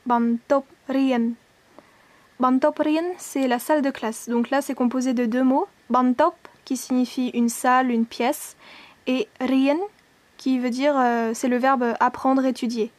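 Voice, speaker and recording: A woman's voice: high-pitched, steady tone, measured pace, no echo. A woman teaching a language lesson, patiently repeating each word and spelling things out, now and then correcting herself.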